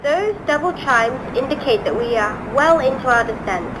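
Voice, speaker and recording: A woman's voice: sits high, lively intonation, normal speed. A woman flight attendant making a polite, procedural plane cabin announcement. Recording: noisy aircraft cabin announcement. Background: aircraft cabin noise.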